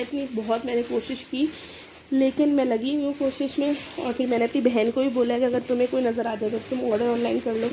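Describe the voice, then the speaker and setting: Hoarse young woman with a cold. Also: fairly high pitch, dark tone, slight background noise. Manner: chatty, explaining items one by one. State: hoarse with a cold, short of breath. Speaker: vlogger. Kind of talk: casual show-and-tell vlog.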